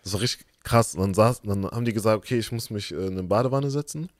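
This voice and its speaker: A young man with a fairly low voice tells stories from his own life in a relaxed podcast chat. He brings every scene to life by slipping into the voices of its characters. The recording is dry and close. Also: quick pace, no echo. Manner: animated storyteller, acts out quoted voices. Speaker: podcast co-host. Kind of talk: casual storytelling chat.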